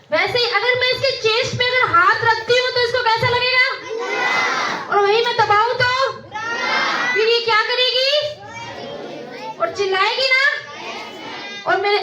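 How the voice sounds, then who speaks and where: A woman's voice: very high voice, pushed and bright, slight background noise. Woman trainer, coaxing, quizzes a crowd of children; distant echoey school recording. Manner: coaxing, asks children questions. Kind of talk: teaching schoolchildren.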